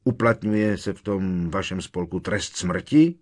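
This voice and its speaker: A man voicing a blustering, bullying middle-aged uncle who barks and gloats loudly in an audiobook. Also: deep voice, close to an everyday voice. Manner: loud, barking and gloating. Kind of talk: audiobook character reading.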